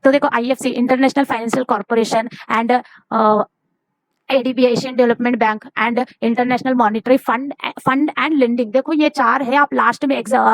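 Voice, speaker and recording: High-voiced woman tutor giving urgent exam tips. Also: no room sound. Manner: urgent, repeats herself, mixes Hindi and English.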